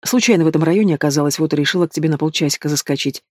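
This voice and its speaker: A man's voice: fairly high pitch, very fast, no room sound, clean studio sound, close to an everyday voice. A man voicing a young pregnant woman who answers her mother with bitter sarcasm, in an audiobook.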